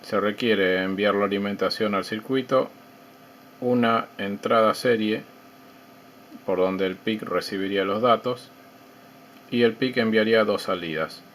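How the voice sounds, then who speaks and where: Man, lowish voice, calm measured technical narration, faint background hiss. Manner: calm, measured, explanatory with pauses. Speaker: electronics hobbyist presenting his project.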